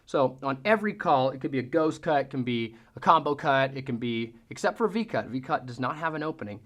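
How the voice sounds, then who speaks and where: A man's voice: mid-range voice, lively intonation, quick pace, a bit bright. Casual, folksy male hunting-call instructor. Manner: folksy, mimics sounds with vocal demonstrations. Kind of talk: casual how-to tutorial.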